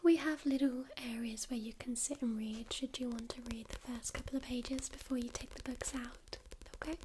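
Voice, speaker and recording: A woman voicing a friendly, patient librarian in a whispered role-play, speaking in a soft, soothing library whisper. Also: high voice, fairly even intonation, moderate pace, noisy background, close to an everyday voice. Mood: gentle, helpful. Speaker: ASMR performer playing a librarian.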